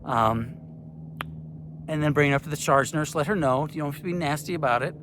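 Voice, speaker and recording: A man's voice: fairly high pitch, steady tone, racing, background noise. A middle-aged man, a retired care worker, giving casual, rambling advice with many fillers, a bit out of breath. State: slightly out of breath. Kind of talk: casual advice talk to camera.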